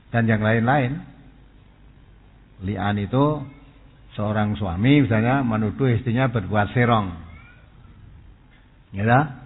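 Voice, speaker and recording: A male preacher explains his points patiently, now and then dropping into asides. His voice is husky and sits at a middling pitch. The sound is thin and phone-like, with a long hall echo behind it. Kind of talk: Islamic sermon.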